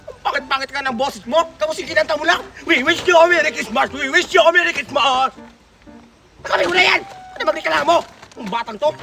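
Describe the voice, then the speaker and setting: A performer voicing a loud, bossy woman who hands out Christmas gifts, shouting and scolding bluntly in a comedy skit, with music behind. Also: high voice, fast talker, gravelly, heavily acted. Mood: mocking. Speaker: gift giver.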